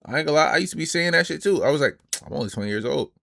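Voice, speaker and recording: A man in his twenties giving blunt, emphatic, slang-heavy reaction commentary as a streamer, often trailing off quieter at the ends of phrases. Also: a little high, lively intonation, very fast, gravelly, dry recording, studio quality. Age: 20s.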